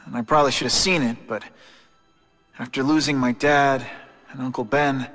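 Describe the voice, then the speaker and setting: A man's voice: mid-range voice, fairly even intonation, normal speed, a bit bright, lightly acted. A man with an American accent voicing an earnest, troubled young superhero in a video game cutscene. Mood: regretful. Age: young adult. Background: background music.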